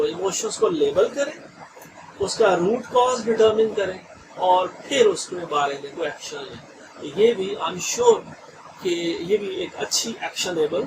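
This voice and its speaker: A man giving an online training lecture in a chatty way, often checking in with his listeners and mixing in English phrases. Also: high voice. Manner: chatty, mixes English phrases, frequent "theek hai ji" checks. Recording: distant mic with noisy room ambience.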